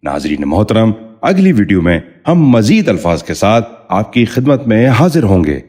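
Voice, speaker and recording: Man, very low voice, formal lesson narration, measured and careful, repeats each word slowly. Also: big pitch swings, darkish tone. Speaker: Urdu pronunciation teacher.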